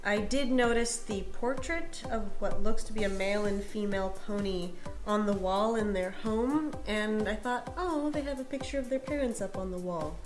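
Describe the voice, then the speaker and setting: A woman co-hosting a podcast review and presenting a segment, speaking in a measured, thoughtful way with filler words. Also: medium pitch, music in the background. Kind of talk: casual review chat.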